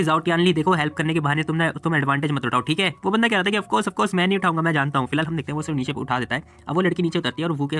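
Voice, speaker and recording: A man's voice: a little high, fairly bright tone. A man narrating a comic story in a chatty recap style, voicing the characters' lines and adding personal asides. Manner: chatty, retells scenes and voices characters' lines. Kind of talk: casual storytelling recap with quoted dialogue.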